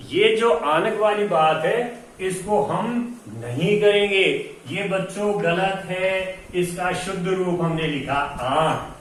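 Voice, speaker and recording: A man teaching children a grammar lesson, drilling the pronunciation of words and asking them to repeat after him. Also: high-pitched. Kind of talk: classroom-style lesson for children. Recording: echoey room, voice from a distance.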